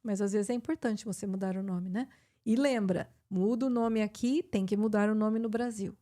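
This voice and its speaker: A woman's voice: medium pitch, dark tone. A middle-aged woman with a Brazilian Portuguese accent, an English teacher hosting a live chat and explaining with many fillers and restarts.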